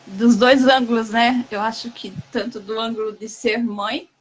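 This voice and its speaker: A woman hosting a casual live chat, talking in a warm, halting way with many restarts and fillers. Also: on the high side, fairly even intonation, a little hiss or hum, poor audio. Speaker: host.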